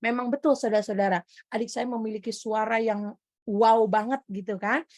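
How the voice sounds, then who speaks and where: A woman from Indonesia preaching a testimony sermon in a high, bright voice. She tells her story with animated energy and keeps turning to speak straight to the congregation. The sound is dry and close. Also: normal speed, no room sound.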